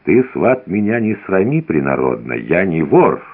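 A man acts out a dignified old peasant grandfather who stays calm and firm under accusation. The voice is fairly low and plain, and the radio sound is thin and tinny. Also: normal speed, exaggerated voice. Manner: calm, firm, sure of his right.

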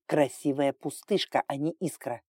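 A woman's voice: sits low, normal speed, a little mellow, husky, no echo, clean studio sound. A woman reading an audiobook, voicing a touchy, indignant male dragon warlock with a whiny, aggrieved manner.

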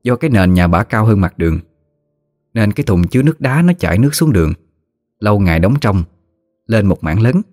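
Low-voiced man telling a folksy story. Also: a little fast, long pauses, no room sound, clean studio sound. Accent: Southern Vietnamese. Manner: lively, slangy, teasing. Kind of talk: colloquial story narration. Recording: faint music behind.

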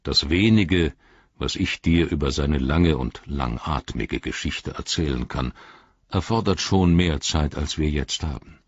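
Old wizard, male, wry and grave, low husky gravel, a male reader doing him; dull lo-fi audio. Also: measured pace, no echo, exaggerated voice. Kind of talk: audiobook reading.

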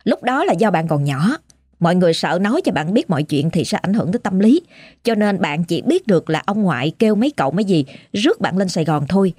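A woman's voice: fairly low pitch, lively intonation, fast, darkish tone, breathy edge, no room sound. A woman with a Southern Vietnamese accent telling a ghost story in a chatty, dramatic way, speaking to the listener directly.

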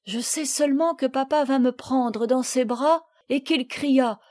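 A woman reading the part of a little girl who sadly recounts a shipwreck, in a gentle, measured voice. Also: high voice. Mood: sad, earnest. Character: little girl recalling a shipwreck, sad and earnest. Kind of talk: audiobook reading.

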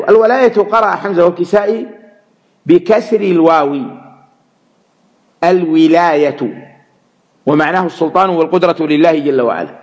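High-voiced man teaching a Quran lesson. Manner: measured, repeats words to stress them. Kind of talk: religious lesson explaining verses.

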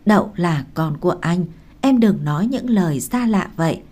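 A woman's voice: on the low side, expressive, moderate pace, a little mellow. A woman reading a reassuring, devoted young husband. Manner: reassuring, earnest.

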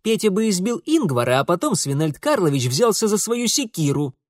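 A man's voice: high voice, big pitch swings, fairly quick, dry recording, clean studio sound, voice pushed up. A man voicing a prim young daughter who explains things in a reasoned, matter-of-fact way.

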